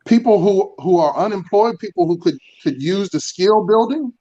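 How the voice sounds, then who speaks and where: Male panelist, earnest and halting, slightly high voice, dull video-call sound. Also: lively intonation, dark tone. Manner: earnest, pausing with fillers and restarts. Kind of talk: virtual panel discussion.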